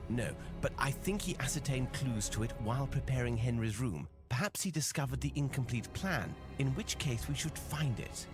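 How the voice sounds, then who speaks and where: An actor playing Sherlock Holmes as a grave, analytical detective in a video game, speaking in a measured, formal way. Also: male voice, medium pitch, lively intonation, natural voice. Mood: analytical, composed. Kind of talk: video game cutscene acting. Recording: loud music under the voice. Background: music.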